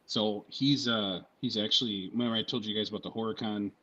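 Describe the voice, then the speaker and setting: A military veteran guest telling stories on a podcast in a casual, profane, rambling way, often checking in with "right?" and "you know what I mean?". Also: male voice, on the low side, fairly even intonation, a little fast, sharp tone, slightly rough, highs cut off.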